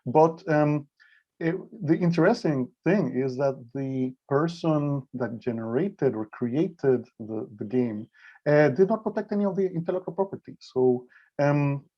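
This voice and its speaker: Hesitant man, slightly weak voice, dull audio. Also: fairly high pitch. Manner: hesitant, halting delivery. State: slightly weak voice from a mild cold. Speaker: guest lecturer. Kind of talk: informal online presentation. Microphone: video call. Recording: dull, lo-fi video call audio.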